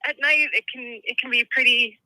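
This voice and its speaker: A woman calling in over a speakerphone to give a live report, talking in halting phrases that break off mid-sentence. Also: on the high side, fairly even intonation, sharp tone, dry recording, poor audio. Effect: heard over a speakerphone call. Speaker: caller from a storm area.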